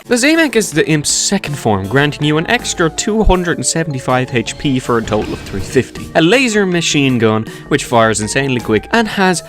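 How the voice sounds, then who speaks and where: A man's voice: a little high, very animated, normal speed, hardly any pauses, music in the background. A man giving scripted commentary ranking video game characters, casual with jokey asides to the viewer.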